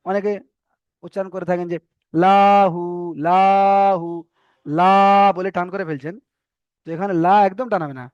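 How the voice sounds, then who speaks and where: A man's voice: sits high, steady tone, normal speed, long pauses, dry recording, lo-fi sound. A man teaching an online Quran reading class, patiently repeating letters and vowel marks so students can copy his pronunciation. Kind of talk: online Arabic reading lesson.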